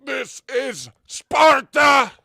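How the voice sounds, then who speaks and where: A man's voice: extremely high pitch, lively intonation, extremely slow, creaky, pushed and bright, no room sound, pitched above the performer's own voice, heavily acted. A man talking through a voice changer that morphs his voice, chatting casually and profanely about knives. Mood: shouting. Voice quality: profane, joking. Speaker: knife reviewer. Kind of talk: casual chat.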